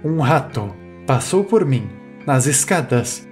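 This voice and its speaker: A man voicing a frightened old man who speaks in a shaky, hushed way, with soft music behind. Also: mid-range voice, sing-song, slow pace.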